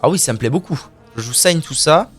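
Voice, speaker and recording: A man's voice: fairly high pitch, animated, brisk, fairly bright tone, soft background music. A man streaming a card game live, narrating his plays with playful, crude trash talk and silly mouth sound effects. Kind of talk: live gameplay commentary.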